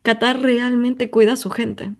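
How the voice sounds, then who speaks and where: A woman's voice: fairly high pitch, flat delivery, a little slow, darkish tone. A woman from Ecuador, hosting a personal monologue in an emphatic, talkative way full of intensifiers and fillers. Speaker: podcast host.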